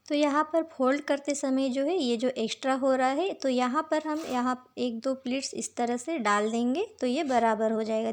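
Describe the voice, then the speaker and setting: Woman, sore throat, sewing tutorial, patient step-by-step explaining, gravelly. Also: high-pitched, a little mellow. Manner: patient, repeats "dekhiye" while showing each step. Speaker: sewing teacher.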